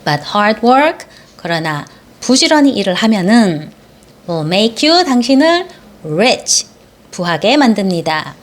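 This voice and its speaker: A woman's voice: medium pitch, sing-song, takes it slowly. A Korean woman teaching English through Bible verses, explaining grammar and pronunciation and patiently stretching out model phrases for listeners to repeat. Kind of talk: slow instructional English lesson.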